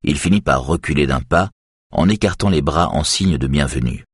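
A man reading an audiobook in scripted narration, even and measured. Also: a bass voice, husky, dry recording, studio quality.

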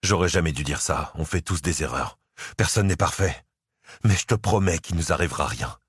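A man's voice: moderate pace, husky, no room sound, clean studio sound. A man voicing a tired, protective older brother who speaks firmly in an audiobook. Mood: conciliatory. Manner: firm, controlled, low and tired. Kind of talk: audiobook character voice.

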